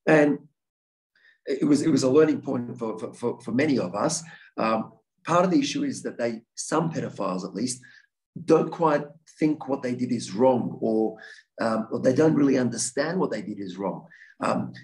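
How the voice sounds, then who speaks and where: A man's voice: medium pitch, animated, moderate pace, a little mellow, poor audio. Earnest man answering audience questions. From Australia. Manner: earnest, frequent restarts and repeated words. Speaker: guest speaker, victims' advocate.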